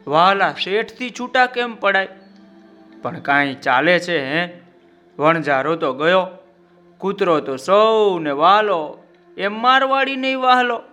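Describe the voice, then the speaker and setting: Unhurried, bright-voiced male children's storyteller. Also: sits high. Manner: animated, addresses listeners directly.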